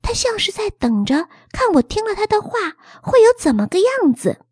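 High, lively woman reading a story. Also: moderate pace, no room sound, clean studio sound. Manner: expressive, childlike storyteller. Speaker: narrator.

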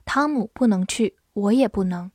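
A woman English teacher who spells words letter by letter and reads example sentences slowly and clearly. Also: mid-range voice, animated, a little mellow, no echo, clean studio sound. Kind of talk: vocabulary lesson, spelling and slow reading.

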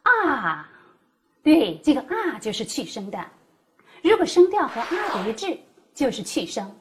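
A woman explaining Mandarin tones as a teacher, demonstrating each tone with exaggerated pitch. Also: sing-song, moderate pace, darkish tone, a little hiss or hum. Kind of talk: scripted teaching dialogue.

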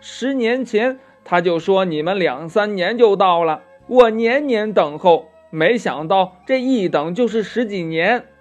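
A man's voice: high voice, expressive, a little slow, hardly any pauses, muffled recording, faint music behind, voice pushed up. A man voicing a cheerful Taoist immortal who speaks heartily in a children's story. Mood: jolly.

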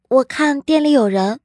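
A male narrator voicing a playful young woman with a crisp, sweet voice in an audiobook. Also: very high-pitched, darkish tone, no echo, studio quality, voice pushed up, heavily acted.

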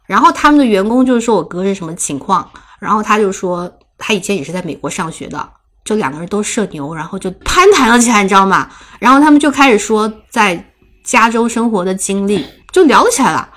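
A young woman co-hosting a casual chat show, telling a story with lively energy and frequent laughter. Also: medium pitch. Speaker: podcast co-host.

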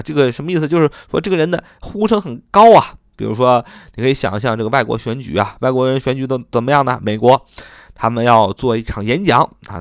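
A man teaching English vocabulary in a chatty lesson, spelling words out letter by letter and repeating them slowly. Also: mid-range voice, no room sound, studio quality. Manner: frequent "啊" fillers, chatty.

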